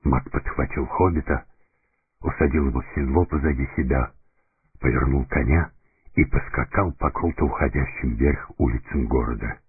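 Very deep, husky male storyteller. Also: no echo. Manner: deliberate, dramatic storytelling. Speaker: narrator. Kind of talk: scripted audiobook narration. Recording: narrow phone-like sound, faint music.

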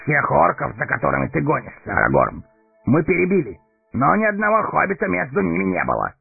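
A man doing a gruff horse-lord captain, raised raspy voice, gravelly, tinny recording, faint music. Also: a little high, wildly swooping pitch, brisk, voice pushed up, heavily acted. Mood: proud. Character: proud blunt male horse-lord captain. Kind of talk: audiobook character voice.

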